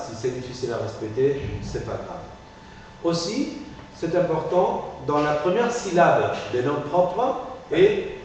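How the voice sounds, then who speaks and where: A man's voice: a little high, a little mellow. A man teaching a phonetics class. He explains step by step and keeps checking in with "ok?". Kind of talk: classroom lecture. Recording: echoey classroom from far off, faint hiss.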